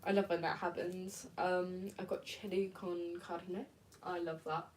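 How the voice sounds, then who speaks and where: A young woman chatting casually on a live stream, soft and hesitant, with many fillers and nervous giggles. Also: fairly low pitch, level tone, unhurried, noisy background. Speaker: livestreamer reading viewer comments.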